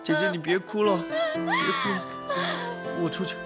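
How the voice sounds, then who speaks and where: A soft-spoken young man's voice: a devoted suitor who coaxes and pleads earnestly. His pitch rises and dips animatedly. A loud orchestral drama score fills the background. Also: huge pitch swings, normal speed, over loud music. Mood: pleading. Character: devoted earnest young man, gentle and loyal. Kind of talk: TV drama dialogue. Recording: loud film score behind dialogue.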